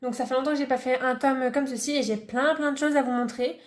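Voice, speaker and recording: French woman vlogging her hobby stuff, kinda high voice, lots of euh and restarts. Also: fairly even intonation, fast. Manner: chatty, many fillers and restarts. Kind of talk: casual vlog with show-and-tell.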